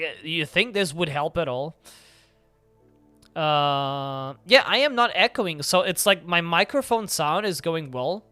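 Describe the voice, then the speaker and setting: A young man chats casually during a live game stream, rambling with plenty of filler words. His voice is bright and crisp, sitting a little high. Faint game music plays behind him. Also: no room sound.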